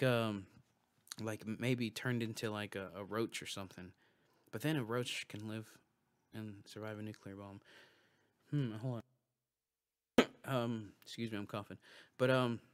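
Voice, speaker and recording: A man's voice: medium pitch, clear, resonant tone, no room sound. A man hosting a livestream, talking casually and musing aloud with loose restarts and swearing. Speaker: livestream host. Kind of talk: casual rambling monologue.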